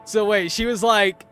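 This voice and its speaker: A high-voiced man giving let's-play commentary, excitable and a bit rambling. Game music sits faintly behind him. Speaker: streamer reacting to a game.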